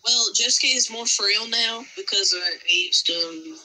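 A woman chatting casually while playing a video game, excitable and sweary with lots of trash talk. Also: on the high side, measured pace, low-quality recording.

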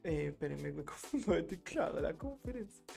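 Rioplatense man, live stream commentator; chatty, greets the chat, gravelly tone with soft music behind. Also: a little high, big pitch swings, fairly quick. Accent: Rioplatense Spanish. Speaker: trading streamer.

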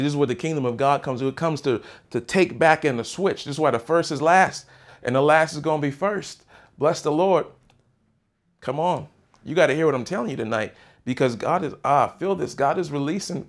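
A man preaching a sermon as pastor, fervent, exclaiming and calling on the congregation to respond. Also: fairly high pitch. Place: church sanctuary.

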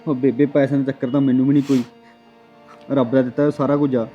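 A man's voice: medium pitch, flat delivery, fast, dull audio, soft background music, close to an everyday voice. A man playing an earnest, worried young husband. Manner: earnest and reassuring. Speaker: actor. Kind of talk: village drama acting.

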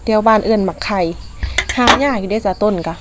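A woman with an Isan accent chatting casually as she eats in a food vlog, using soft polite particles. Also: mid-range voice, a little fast, background noise. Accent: Isan (Northeastern Thai). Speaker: food vlogger.

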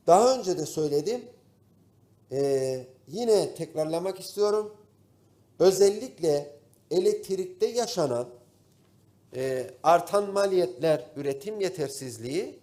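A man with a Turkish Cypriot accent giving a formal speech to parliament from the rostrum microphone, pausing often with drawn-out fillers. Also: fairly high pitch, mellow. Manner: formal, addresses colleagues, pauses with drawn-out fillers. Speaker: member of parliament. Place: parliament chamber. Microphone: podium microphone at the parliament rostrum.

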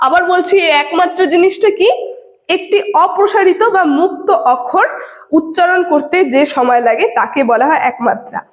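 A woman's voice: very high voice, normal speed. A young woman from India, teaching a lecture at a board and checking her students' understanding with a rising tag question after nearly every point.

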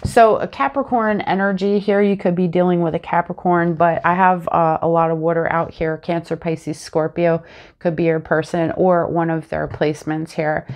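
Recorded on a lapel mic in a small home room, this tarot reader is a woman in her thirties who sounds a little congested and keeps sniffling. She speaks at a normal speed in a fairly low register, chatting casually to camera. Animated and talkative, she uses her hands while she talks.

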